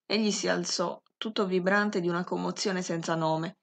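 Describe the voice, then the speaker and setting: A woman narrating a classic novel as an audiobook, reading in a slow, measured and expressive way. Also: on the low side, creaky. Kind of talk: scripted literary audiobook narration.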